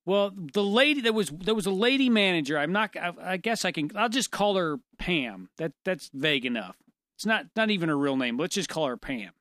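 Bright, animated man telling stories. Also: high voice, a little fast, dry recording, studio quality. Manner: animated, self-deprecating, laughs often. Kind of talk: casual conversational storytelling.

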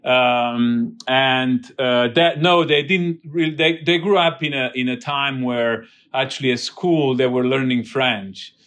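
A man from near Naples with an Italian accent, a biotech CEO talking casually as an interview guest, pausing often with fillers. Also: medium pitch, steady tone, a bit bright. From southern Italy, near Naples. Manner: thoughtful, many restarts and filler "uh".

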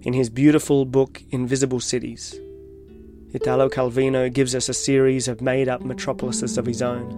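A man reading his own reflective, literary personal essay as scripted narration, in a measured way. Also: medium pitch, level tone. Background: soft guitar music.

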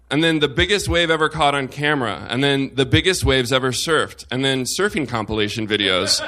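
Bright-voiced man reading a wry essay. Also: mid-range voice. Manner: wry, self-mocking humor. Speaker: op-ed reader at a live show. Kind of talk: reading a personal essay on stage.

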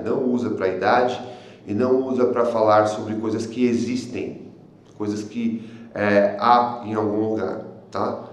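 A man with a Brazilian Portuguese accent teaching an online language lesson, often pausing on filler sounds and checking in with tag questions. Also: on the low side, heavy reverb, a little hiss or hum. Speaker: English teacher.

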